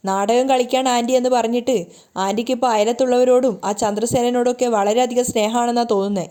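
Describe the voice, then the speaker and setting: A woman's voice: on the high side, fairly even intonation, fast, dark tone, clean tone, natural voice. A woman reading the lines of a mocking, sarcastic young wife in a TV serial recap. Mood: taunting. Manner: taunting, sarcastic. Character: mocking young woman taunting her husband.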